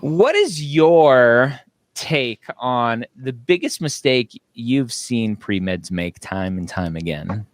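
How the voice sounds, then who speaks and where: A lively man hosts a casual podcast, his pitch bouncing around as he jokes and laughs. He reads out listener questions in a chatty way. His voice is dry and close to the mic. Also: slow, no room sound. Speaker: podcast host. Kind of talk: casual chat.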